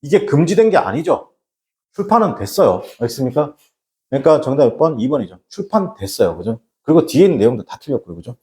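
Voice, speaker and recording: A man's voice: mid-range voice, sing-song, quick pace, darkish tone. A man lecturing a class on exam English, blunt and scolding, who keeps throwing rhetorical questions at his students. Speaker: English lecturer for transfer exams.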